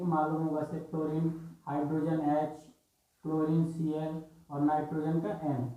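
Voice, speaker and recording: A man teaches an exam-prep reasoning class, his voice warm and relaxed. He explains each answer step by step, pausing often to check that his students are following. The recording has a noticeable room echo. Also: fairly high pitch. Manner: explains step by step with frequent "theek hai" checks.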